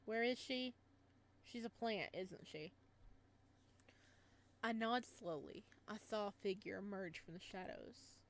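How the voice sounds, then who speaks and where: A woman with a mid-range voice reads through a visual novel while soft music plays behind her. Her narration is calm, broken up by sudden startled, animated reactions.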